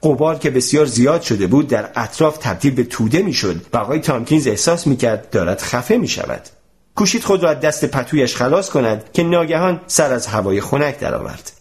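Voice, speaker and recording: A man narrating a storybook in an expressive, animated way. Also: medium pitch. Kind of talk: storybook reading.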